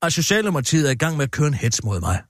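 Guy doing a squeaky high paranoid columnist lady, whiny rambling gripes, dead dry sound, radio comedy bit. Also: sing-song, no echo. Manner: shrill, aggrieved, rambling complaints. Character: paranoid indignant middle-aged woman columnist.

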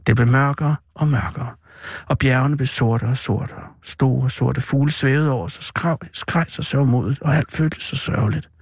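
Creaky, husky man reading a story. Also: medium pitch, no echo, clean studio sound. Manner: slow, mournful reading. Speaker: narrator.

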